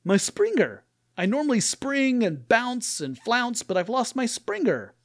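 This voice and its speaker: A springy, exuberant toy tiger, voiced by a man, bursts out in a high, loud voice. He gushes and shouts with boundless cartoon bounce. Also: sing-song, a little slow, heavily acted.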